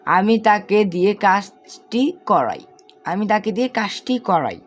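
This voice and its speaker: Woman, online English tutor, unhurried drilling pronunciation lesson. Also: medium pitch, big pitch swings, faint music behind. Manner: spells words letter by letter, repeats and quizzes. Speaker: English teacher.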